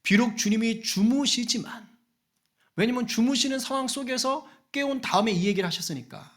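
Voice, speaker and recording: A middle-aged pastor preaching a sermon in an earnest way, often putting questions to the congregation. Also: male voice, very high-pitched, normal speed, a bit bright.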